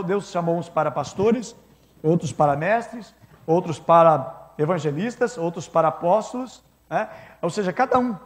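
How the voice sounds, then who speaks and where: A man preaching a sermon as pastor at a church service, earnest, rising loud on key points and dropping soft on quoted words. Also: sits high.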